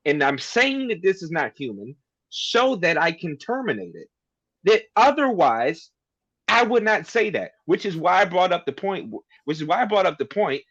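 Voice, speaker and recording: Co-hosting a podcast, a man argues his point at length in a casual debate, sounding argumentative and emphatic. His voice is fairly high and a bit bright, and the recording has its highs cut off.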